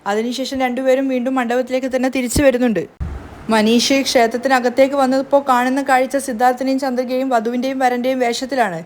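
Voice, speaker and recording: A woman's voice: sits high, little pitch movement, fast talker, a little hiss or hum. A woman retelling the scenes of a television serial, reading the characters' lines in her own voice. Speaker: serial recap narrator. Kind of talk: storytelling recap of a TV serial.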